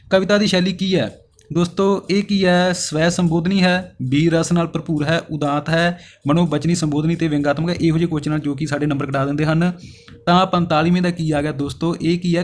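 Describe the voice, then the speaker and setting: A man's voice: a little high, a little hiss or hum. A man teaching as an exam-coaching teacher, walking through past paper questions one by one and often answering his own questions. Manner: addresses viewers as friends. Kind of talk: exam question walkthrough lesson.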